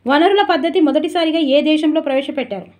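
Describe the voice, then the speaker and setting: A woman teacher giving a brisk, chatty exam revision lesson and turning aside to talk to viewers. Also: high-pitched, a little mellow.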